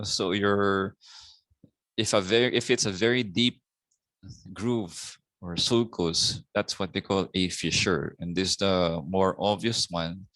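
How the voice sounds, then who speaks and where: A middle-aged man with a Filipino accent giving a slow anatomy lecture, often ending points with a questioning "no?". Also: low-pitched, fairly bright tone, no room sound. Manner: slow, repetitive teaching with tag "no?". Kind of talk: recorded lecture.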